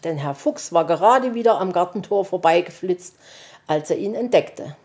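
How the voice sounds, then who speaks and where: A woman narrating a children's storybook in a gentle, unhurried way. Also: lowish voice, lively intonation.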